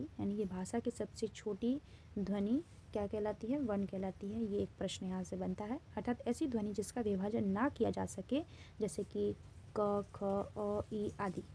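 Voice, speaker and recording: A woman's voice: medium pitch, vocal fry, mellow, a little hiss or hum. A woman Hindi grammar teacher with an Indian accent, giving a classroom-style lesson in which she poses questions and then answers them, repeating key terms.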